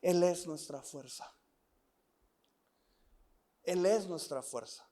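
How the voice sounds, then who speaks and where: Male pastor, very high voice, earnest and repetitive, mixes personal stories into the sermon. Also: a little mellow. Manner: earnest, repeats phrases and asks the listener questions.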